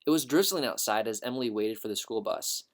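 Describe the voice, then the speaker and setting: Calm male storybook narrator. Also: mid-range voice, brisk.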